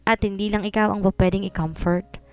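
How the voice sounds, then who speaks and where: A frank young female cousin giving firm, lecturing advice, as a woman narrator puts her on. Her voice is smooth and clear, recorded close and dry. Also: mid-range voice, flat delivery, moderate pace, no room sound, lightly acted.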